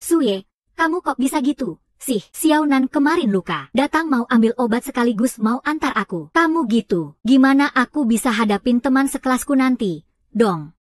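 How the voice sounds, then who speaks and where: A woman's voice: high-pitched, lively intonation, normal speed, no echo. A woman dubbing a young female student in a drama, speaking in a pleading, indignant way. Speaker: female lead in a dubbed drama. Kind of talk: dubbed drama acting.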